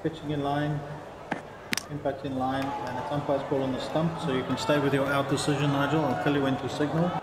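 A man acting as TV umpire, calmly giving procedural instructions to the director over the officials' feed. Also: medium pitch, brisk, roomy sound, very noisy. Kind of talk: match officials' radio talk.

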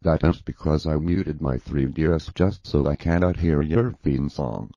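Brief: synthetic male voice doing a mocking defiant young man, deep dark gravelly, dry lo-fi sound. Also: unhurried, very noisy. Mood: sarcastic. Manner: mocking, flat and sarcastic. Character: sarcastic young man defying a cartoon dinosaur, stubborn. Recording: dull dry lo-fi audio.

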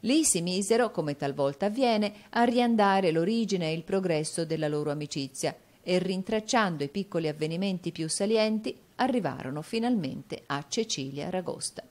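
A woman reading a classic novel as an audiobook narrator, in a steady, measured storytelling manner. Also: lowish voice. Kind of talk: scripted narration.

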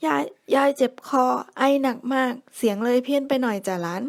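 A cunning wolf from a bedtime storybook, voiced by a woman, coaxes in a slow, syrupy drawl. His voice sits a little high and stretches each phrase out. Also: no echo. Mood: feigning frailty. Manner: slow, sweet-talking, drawn out. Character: sly male wolf faking kindness.

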